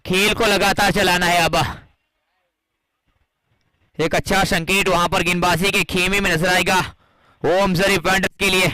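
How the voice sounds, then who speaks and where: An Indian man giving excited live cricket commentary in a dramatic, emphatic manner. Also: high-pitched, dry recording, rough recording. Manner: dramatic, emphatic, rising into exclamation at key moments.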